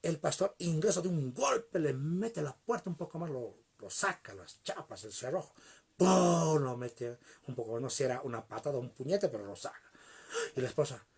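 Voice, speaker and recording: A man preaching a sermon, telling a story in an animated way and addressing the congregation directly. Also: medium pitch, fairly quick, gravelly, husky.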